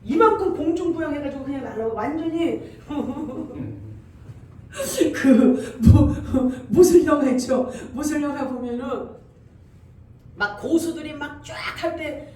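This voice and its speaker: A woman pastor preaching a sermon, telling a dream story with lively sound effects and rising into loud exhortation. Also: high voice, unhurried, distant mic. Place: church sanctuary. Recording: echoey church hall, voice from off-mic, faint room noise.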